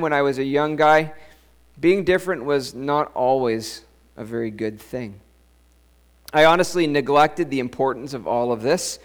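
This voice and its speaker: A middle-aged male pastor giving an earnest sermon, telling a personal story and repeating key lines for emphasis. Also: mid-range voice.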